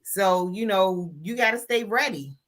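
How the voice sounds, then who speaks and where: A woman's voice: mid-range voice, measured pace, a bit bright. An American woman co-hosting a casual chat in a playful, teasing manner. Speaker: co-host.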